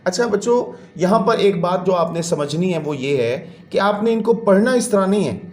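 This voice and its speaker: A man teaches a lesson in a slightly raised pitch, patiently walking through each point and counting things out. His voice rings in an echoey room. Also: animated, normal speed, darkish tone. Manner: patient, explains step by step, counts syllables aloud. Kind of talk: classroom lesson explanation.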